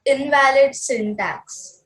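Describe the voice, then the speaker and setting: A woman's voice: sits high, takes it slowly, fairly bright tone, rough recording. A young girl answering her tutor politely and briefly, calling him sir. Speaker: student.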